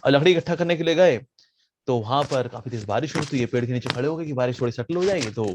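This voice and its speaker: A man, a monk preacher, telling a story in a sermon with playful, animated delivery. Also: mid-range voice, fast, noisy background.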